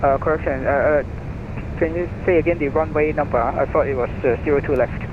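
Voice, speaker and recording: A man's voice: on the high side, fairly even intonation, fairly quick. A man as an airline pilot over the radio, talking to the tower in radio phraseology with some hesitant fillers. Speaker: airline pilot on flight sim network. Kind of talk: radio phraseology with air traffic control. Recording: tinny noisy radio transmission.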